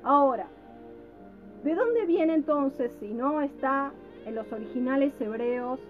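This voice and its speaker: Woman, reflective religious teaching, deliberate, checks in with listeners, phone-like lo-fi audio. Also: sits high, expressive. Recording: tinny phone-like sound with faint music.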